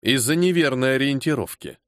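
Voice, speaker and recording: Voicing a hot-tempered, disciplined male major of forty-two, a man delivers clipped, caustic lines full of restrained anger. His medium-pitched voice is expressive, fairly quick and lightly acted. It's studio quality, with no room sound.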